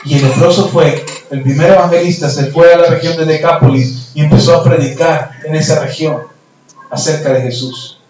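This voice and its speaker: A male pastor preaching a sermon in a storytelling way, swinging from hushed tones to shouting. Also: on the high side, fairly even intonation, moderate pace, a little hiss or hum. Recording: echoey church hall from far off.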